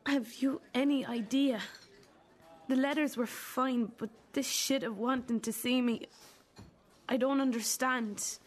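A woman acting as a wounded, bitter adult daughter in a drama, accusing her mother in a halting, deliberate way. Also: high voice, steady tone. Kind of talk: dramatic two-hander dialogue.

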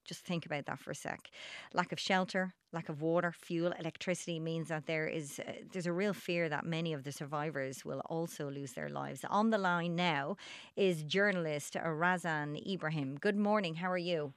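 A woman hosts a radio interview in a calm, measured voice with a low pitch. The studio sound is dry and close, with no room echo. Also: clean tone. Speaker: radio host.

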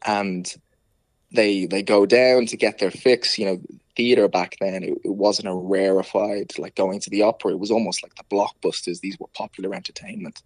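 Lower-voiced Dublin man, close dry sound. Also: steady tone, moderate pace, a little mellow, dry recording. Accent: Dublin Irish. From Ireland. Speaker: author being interviewed. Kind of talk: conversational interview answers.

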